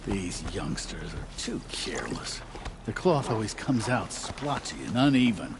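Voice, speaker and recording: A slow, creaky old grumbler. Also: male voice, fairly low pitch, sing-song, noisy background. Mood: exasperated, grumbling. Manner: grumbling, muttering to himself, sighing. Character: grumbling older cloth dyer man, weary and exasperated. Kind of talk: video game ambient character dialogue.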